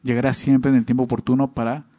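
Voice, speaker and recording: A man's voice: mid-range voice, level tone, quick pace, warm tone. A man preaching a Bible-teaching sermon in a conversational way, often checking in with his listeners through short tag questions. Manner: conversational, constantly checks in with "¿no?" and "¿verdad?". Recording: dull lo-fi recording.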